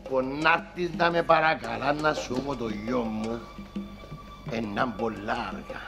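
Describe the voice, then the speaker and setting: An actor playing a loud, boisterous neighbour who keeps teasing, with a Cypriot accent. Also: male voice, mid-range voice, fairly even intonation, gravelly, over music, close to an everyday voice. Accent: Cypriot Greek. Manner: boisterous, shouting. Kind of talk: sitcom acting.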